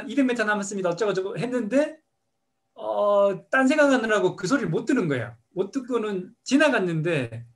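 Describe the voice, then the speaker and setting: A middle-aged man who teaches meditation, answering a question by reflectively telling a personal story and acting out how he scolds himself. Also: sits high.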